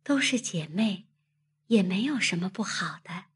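A woman voicing a shy, flustered young maidservant who speaks softly and timidly. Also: medium pitch, lively intonation, a little slow, slightly rough. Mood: hushed shy. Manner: soft, hushed and timid.

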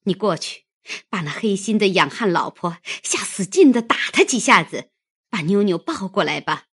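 A woman voicing a proud, sharp-tongued young noblewoman who is ill and weary, speaking with scorn in an audiobook. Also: fairly low pitch, animated, takes it slowly, husky, no echo, clean studio sound, exaggerated voice. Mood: angry. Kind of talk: audiobook character reading.

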